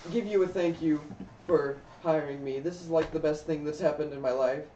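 A man's voice: fairly high pitch, moderate pace, dark tone, slight background noise, close to an everyday voice. A man voicing a shy, humble young male tavern chef who speaks timidly. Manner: timid, self-effacing. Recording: roomy, distant, dull recording.

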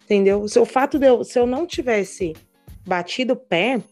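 A young Brazilian woman recounting a hard hospital birth in casual conversation, animated and indignant, peppering her talk with "né". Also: a little high, normal speed, faint music behind. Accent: Brazilian Portuguese. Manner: animated, indignant retelling with many "né". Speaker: guest telling her birth story.

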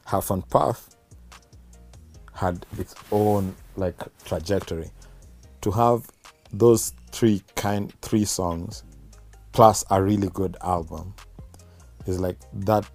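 Deep-voiced, slow Kenyan man chatting. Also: steady tone, vocal fry, a little mellow, faint music behind. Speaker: musician interviewed as podcast guest. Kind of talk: casual reflective conversation.

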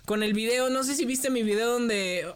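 A man's voice: very high voice, normal speed, clear, resonant tone. A young man talks casually as a podcast co-host. He tells his stories with animation and slips into put-on voices whenever he quotes someone. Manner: lively storytelling, acts out quoted voices. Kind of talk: casual chat.

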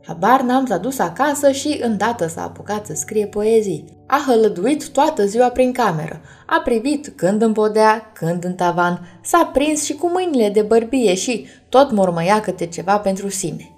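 A woman reading a bedtime story aloud, gently addressing children. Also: medium pitch, expressive, hardly any pauses, faint music behind.

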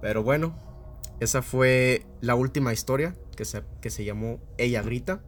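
A man's voice: medium pitch, normal speed. Radio host guy telling a scary story, drags out repeats for drama, says este a lot, medium voice, faint hiss. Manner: dramatic, repetitive narration with fillers.

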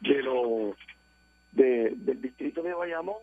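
A man's voice: mid-range voice, slow pace, breathy edge, no room sound. A man with a Puerto Rican accent calling a radio show, sarcastic and indignant. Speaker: radio caller. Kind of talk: phone-in opinion. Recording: dry tinny phone line.

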